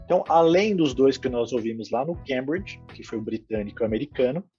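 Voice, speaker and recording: A man hosting a solo English-teaching podcast, explaining clearly and repeating words for emphasis. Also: medium pitch, lively intonation, quick pace, warm tone, highs cut off, soft background music.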